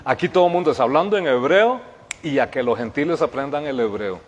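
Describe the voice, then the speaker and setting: A man preaching, rising to emphatic shouts and then dropping to quiet, careful explanation. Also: medium pitch, lively intonation, quick pace, dull audio. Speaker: pastor. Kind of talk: sermon. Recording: hall reverb.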